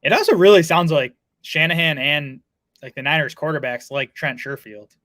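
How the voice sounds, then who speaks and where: A man's voice: on the high side, a bit bright, no room sound. A man talking fantasy football in a casual podcast chat, full of fillers and restarts. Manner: fast, lots of filler words and restarts.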